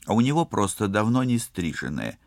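A young woman on a spaceship crew, skeptical and quick to take offense, voiced by a man reading an audiobook. Her lines sit up high and come out emphatic. A faint gravel runs under the tone, and the recording is close and dry. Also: very animated, dry recording. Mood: indignant. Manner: indignant, emphatic.

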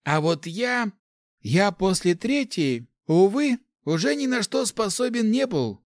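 A man's voice: high voice, sing-song, slow, no room sound, clean studio sound, voice pushed up, exaggerated voice. A man voicing a young male mage who sighs and talks wryly. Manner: sighing, wry.

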